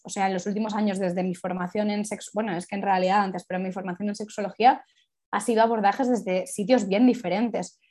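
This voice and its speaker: A woman's voice: medium pitch, warm tone. A woman sexologist, reflecting candidly in a casual interview and rambling through many asides.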